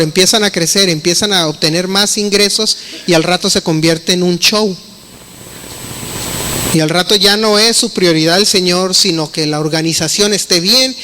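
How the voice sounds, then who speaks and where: A man's voice: high voice, pushed and bright. A middle-aged man, preaching a conversational sermon and acting out the quoted dialogue.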